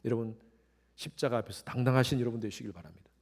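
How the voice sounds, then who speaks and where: A middle-aged male pastor preaching a sermon, swinging between quiet, intimate lines and sudden loud rises, and acting out the voices he quotes. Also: mid-range voice, quick pace. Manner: acts out quoted voices with animated shifts.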